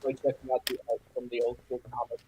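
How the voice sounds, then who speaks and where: A man's voice: medium pitch, monotone, quick pace, dark tone, husky, no room sound. A man chatting casually as a stream co-host, rambling with many fillers, his voice muffled as if coming through a wall. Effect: muffled sound, as if heard through a wall. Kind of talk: casual chat. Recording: muffled, distant voice on a call.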